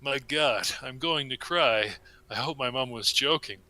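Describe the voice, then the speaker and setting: Bright-voiced young man reading deadpan. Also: medium pitch, a little slow, low-quality recording. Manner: deadpan reading, breaking into laughter. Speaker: reader of a comic story. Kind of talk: comedic story reading among friends.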